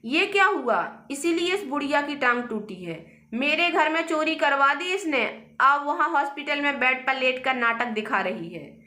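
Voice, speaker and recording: A woman voicing an angry, quarrelsome young wife who shouts accusations, in a roomy echo. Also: high-pitched, lively intonation, normal speed.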